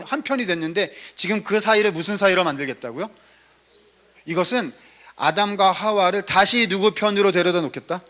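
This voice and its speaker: Guy teaching a bible seminar, kinda high voice, keeps asking the crowd stuff then answering it himself. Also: sharp tone. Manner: asks the audience questions and answers them himself; acts out short quoted lines. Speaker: seminar lecturer. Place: seminar room.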